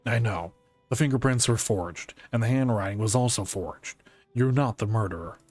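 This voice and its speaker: A man reading game dialogue aloud as a calm, conscientious police detective, in a serious and deliberate way. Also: fairly low pitch, faint music behind, natural voice. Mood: calm, reassuring.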